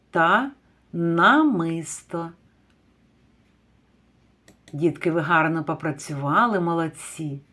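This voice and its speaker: A woman teaching a kindergarten class, reading words out one by one and praising the children gently. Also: lowish voice. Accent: Ukrainian. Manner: drawn-out word-by-word dictation with gentle praise. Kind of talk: slow, deliberate lesson for young children.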